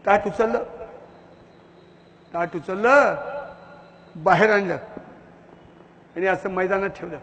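A man's voice: high voice, slow, pauses often, fairly bright tone, slight background noise. A man giving an impassioned, fiery public lecture with a declamatory, insulting delivery. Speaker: public speaker. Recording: echoey hall with long reverb.

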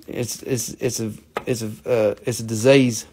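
With a Southern US accent, a live-stream mineral seller shows off stones to the camera in a room with a table full of specimens. His mid-range, somewhat dark voice is level and a little slow, with slight hiss or hum, and he rambles, jokes, swears, and tries on mock accents for fun.

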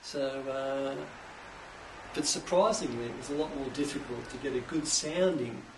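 A middle-aged Australian man explaining his craft in a relaxed interview, with an enthusiastic musician's manner. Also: mid-range voice, moderate pace. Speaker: guest, cajon maker. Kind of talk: casual interview. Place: indoors, home workshop. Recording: echoey room, mic at a distance, faint background hiss.

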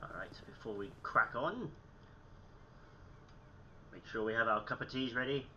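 A gaming channel host, a young man whose voice sounds slightly phlegmy and sick, chats casually over his gameplay from a small room at home. He is chatty and self-mocking and clears his throat often. His mid-range voice is expressive, measured and sharp, on dull audio with slight background noise.

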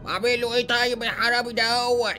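A man with an Egyptian Arabic accent and a very bright, sharp tone bickers and whines through a gameplay comedy skit. Faint music runs behind him. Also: very high voice, flat delivery, very fast. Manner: whiny, bickering sidekick banter. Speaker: co-player in the skit.

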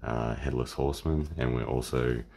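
An Australian man hosting a casual card-opening video, talking in a relaxed, rambling way through a croaky voice. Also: very deep voice, normal speed, slight background noise. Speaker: channel host. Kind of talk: casual unboxing chat.

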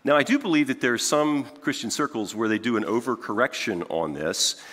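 A middle-aged man preaching in a church sanctuary, his bright voice swinging widely in pitch as he paces and gestures. He talks in a loose, conversational way, restarting phrases and tossing "right?" to the congregation. A long hall reverb trails every line. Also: a little fast. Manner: animated, conversational, frequent restarts and "right?" asides. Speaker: pastor. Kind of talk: sermon.

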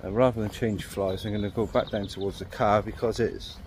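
Fairly quick and lowish-voiced, this man in his thirties films his own fishing vlog at arm's length on a phone or action camera beside a river. The outdoor narration wanders casually, dotted with ums, over a gentle hum of ambient sound.

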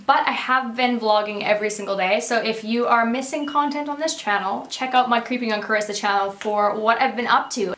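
Chatty young canadian-raised girl catching up with her viewers, highish voice, kinda echoey bedroom. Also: a bit bright. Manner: bubbly, chatty, rambling with fillers. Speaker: beauty vlogger. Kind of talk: casual catch-up chat to camera. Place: bedroom beauty room, indoors.

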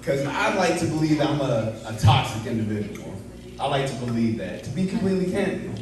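A man's voice: mid-range voice, big pitch swings, brisk. A young American man doing amateur stand-up at an open mic, bombing his jokes with a rambling, stalling delivery. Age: young adult. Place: small bar, indoors. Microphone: handheld stage mic, heard from far camera. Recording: echoey bar, distant mic, audience noise. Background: small audience.

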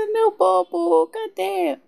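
A woman's voice: very slow, creaky, darkish tone, full character voice. A woman voicing a baby girl who cries and whines for her pacifier in a toy soap opera. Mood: crying, whiny. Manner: shrill crying and whining.

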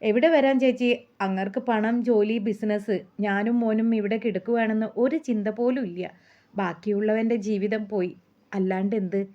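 A woman's voice: medium pitch, fairly even intonation, moderate pace, warm tone, natural voice. A woman voicing an exasperated housewife in her thirties who complains about her lonely life. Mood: weary complaining. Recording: muffled lo-fi.

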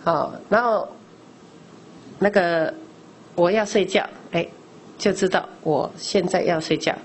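A woman's voice: fairly low pitch, slow pace, slight background noise. A woman lay teacher giving a Buddhist class in a conversational lecture style, posing questions to the audience and answering them herself. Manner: explains by asking rhetorical questions and answering them; frequent discourse particles, conversational teaching.

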